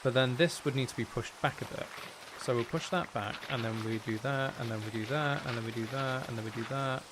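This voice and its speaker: Brisk and mid-range in voice, a game streamer thinks out loud as he plays, rambling casually with playful self-deprecation. The recording carries the steady noise of rain.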